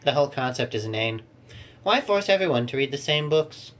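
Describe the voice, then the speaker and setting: A man's voice: mid-range voice, expressive, a little fast, fairly bright tone, natural voice. A man doing a snobby bookish boy bird. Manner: aloof, bored, condescending.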